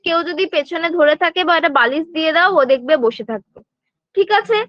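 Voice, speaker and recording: A high-pitched woman gives an online nursing lecture, asking her students questions and then answering them. The sound is dry and close, but a little dull and lo-fi. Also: no room sound. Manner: explains step by step, asks and answers her own questions; frequent check-ins to students. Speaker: nursing exam tutor.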